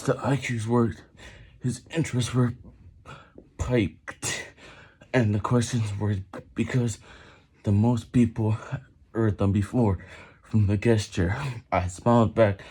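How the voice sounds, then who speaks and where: Slow, halting man reading aloud during push-ups. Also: on the low side, warm tone, slightly rough. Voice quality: halting, broken phrasing with stumbles over words. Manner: reading while doing push-ups, with effortful stops and restarts. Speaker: reader, reading a book aloud. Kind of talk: halting read-aloud from a book.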